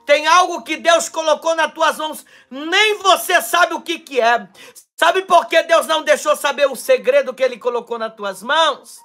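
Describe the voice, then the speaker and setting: A Brazilian pastor preaches a charismatic sermon with prophecy on a live stream, in Brazilian Portuguese, his pitch extremely high. He's fervent and shouting, then drops into quiet asides, his throat strained from all the shouting.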